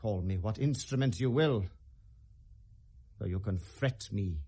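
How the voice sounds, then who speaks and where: An actor with a British accent playing Hamlet, a bitter, mocking, wild-witted young prince, in theatrical 1970s radio Shakespeare style. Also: male voice, lowish voice, slightly rough. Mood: accusing, biting. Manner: theatrical, sardonic, quick shifts from quiet to outburst.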